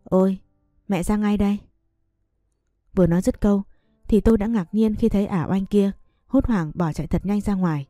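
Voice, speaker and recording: Mellow-voiced woman storyteller. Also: medium pitch, brisk, no room sound, studio quality, faint music behind. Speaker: narrator. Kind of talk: first-person storytelling, reading all roles.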